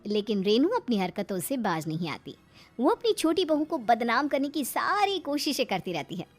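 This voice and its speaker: A woman tells a cartoon story in a high, very lively voice. Her delivery is expressive and sing-song, with faint music underneath. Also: normal speed. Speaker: narrator. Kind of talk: storytelling narration.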